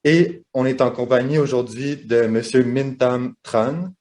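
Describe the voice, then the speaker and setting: A young man, hosting a student podcast interview in a relaxed way with fillers. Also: mid-range voice, a little slow.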